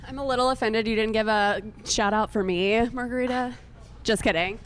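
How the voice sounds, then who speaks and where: A woman with a fairly high, steady voice talks at a moderate pace into a microphone, with a bit of hiss or hum in the background. She's the event host and a co-founder, introducing a speaker in a chatty, joking, informal way in an air-conditioned meetup room.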